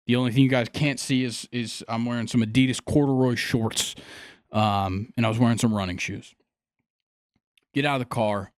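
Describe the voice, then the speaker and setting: A man hosting a casual podcast, retelling an everyday encounter in a loose, rambling way full of fillers and restarts. His voice sits at an ordinary middle pitch. The sound is dry and close, with no room around it. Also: no room sound. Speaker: podcast host. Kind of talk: casual storytelling.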